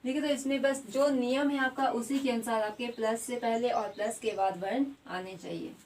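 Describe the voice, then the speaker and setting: A woman teacher giving a grammar lesson. She puts questions to the class, answers them herself and repeats each word slowly. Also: on the high side, fairly even intonation, a little mellow. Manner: adds a tag question after most points. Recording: slightly distant mic with faint background noise.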